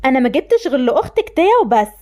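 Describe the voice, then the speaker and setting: A woman's voice: high-pitched, very animated, racing, darkish tone. A woman doing a harsh, scornful father. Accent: Egyptian Arabic. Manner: cold, scornful. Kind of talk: voiced game-animation story.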